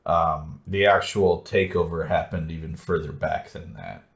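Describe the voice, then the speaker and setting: A man's voice: a bass voice, measured pace, gravelly, faint music behind. A man co-hosting a book podcast, rambling in casual chat. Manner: chatty, rambling with fillers.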